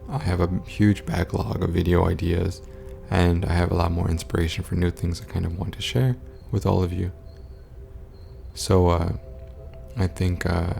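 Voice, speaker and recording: Hushed, deep creaky man. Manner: hushed, low talking, as in a quiet house at night; monotone, stoic delivery. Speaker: content creator. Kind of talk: casual vlog update to viewers.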